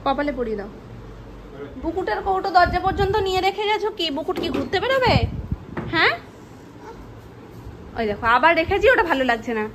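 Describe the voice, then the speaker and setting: High quick-talking young mom vlogging at home, chatty, goes sing-song with her kid. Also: sing-song, noisy background. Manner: chatty, switches to sing-song baby talk with her toddler. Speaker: vlogger and mother. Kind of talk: casual family vlog narration. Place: family home.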